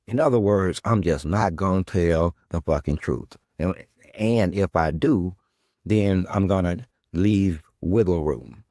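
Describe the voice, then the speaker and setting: A man's voice: sits low, takes it slowly, dark tone, no echo, clean studio sound. A male podcast host delivering a confrontational monologue at an absent guest. He is sarcastic and profane, and he keeps circling back to his questions.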